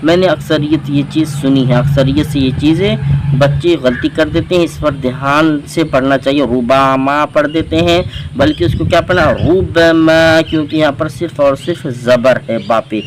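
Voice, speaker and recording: A man's voice: fairly high pitch, normal speed, noisy background. A man teaching Quran reading, patiently spelling out letters and vowel marks syllable by syllable in a step-by-step lesson. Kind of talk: slow step-by-step recitation lesson.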